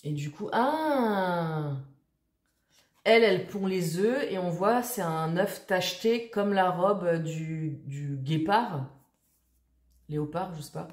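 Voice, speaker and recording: A woman's voice: fairly low pitch, measured pace, a little mellow, roomy sound. A woman vlogger chatting casually to her viewers, rambling with many fillers and restarts. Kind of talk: casual chat to camera.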